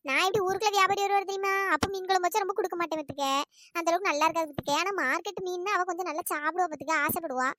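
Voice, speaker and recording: A fussy older village woman in a cartoon story, chattering away in a very high, sped-up processed voice. She grumbles and fusses in a quick stream. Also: bright, forceful tone. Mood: chatty. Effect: pitched-up cartoon voice.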